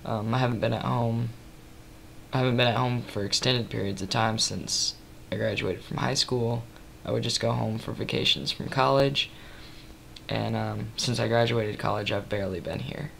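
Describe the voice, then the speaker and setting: Late at night in a small room, a vlogger in his twenties gives a casual update into his webcam's built-in mic at close range. Tired and slightly raspy, his voice carries heavy gravelly fry. He rambles softly and low-key with lots of ums, at normal speed and fairly even intonation, over a faint hiss.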